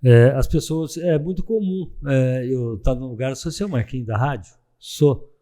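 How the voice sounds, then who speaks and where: A man, a radio presenter hosting a casual podcast chat, speaking in relaxed bursts with frequent restarts. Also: mid-range voice, unhurried. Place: podcast studio.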